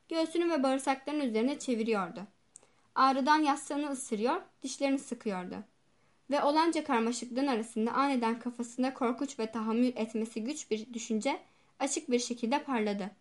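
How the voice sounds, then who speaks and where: High-voiced woman narrating a novel. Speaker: audiobook narrator. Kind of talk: scripted narration.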